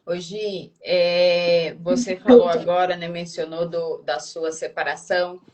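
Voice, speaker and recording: A woman with a Brazilian accent hosting a live interview, asking her guest gentle, hesitant questions with many fillers. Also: lowish voice, little pitch movement, unhurried, a crowd in the background. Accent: Brazilian Portuguese. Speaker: host.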